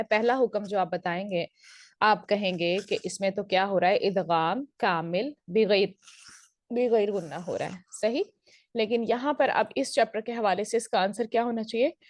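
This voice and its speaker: A woman's voice: mid-range voice, dry recording. A woman teaching Quran recitation rules in a recorded lesson, explaining step by step and putting questions to her students before answering them.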